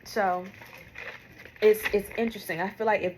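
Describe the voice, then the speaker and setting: A woman's voice: mid-range voice, fairly even intonation, normal speed, a little hiss or hum, poor audio. A woman giving an unscripted, casual mystical tarot reading, musing aloud and following her intuition as she goes. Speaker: tarot reader.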